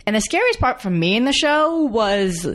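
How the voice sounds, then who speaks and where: A woman co-hosting a theatre podcast, talking casually and earnestly, often reflective, in quick bursts. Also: a little high, sing-song, fairly bright tone. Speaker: podcast co-host. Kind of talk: casual chat.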